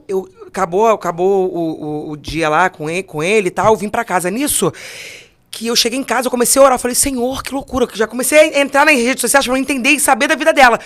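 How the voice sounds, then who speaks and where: A young woman on a podcast, telling her faith testimony in a casual way, acting out the dialogue and often restarting her sentences. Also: fairly high pitch. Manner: animated storyteller, acts out dialogue in voices; frequent restarts and repeated words. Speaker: podcast co-host.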